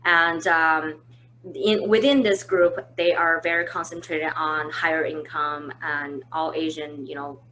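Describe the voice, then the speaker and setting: Speaking slightly slowly in a low, steady voice that sounds pushed and bright, this Chinese marketing manager runs a casual webinar indoors at home. She talks easily, with plenty of fillers and false starts, over poor-quality audio.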